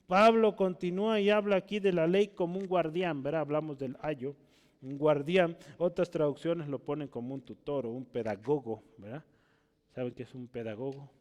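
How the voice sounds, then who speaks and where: A man's voice: a little high, steady tone, normal speed, darkish tone, highs cut off. A man preaching a teaching sermon, checking in with "¿verdad?" and climbing to emphatic peaks on key words. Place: church hall. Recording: long hall reverb.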